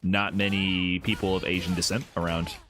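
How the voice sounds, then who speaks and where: A man's voice: low voice, normal speed, faint music behind. A man from Miami chatting casually and patiently coaching a player through a fighting game. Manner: relaxed, laughs easily, explains patiently.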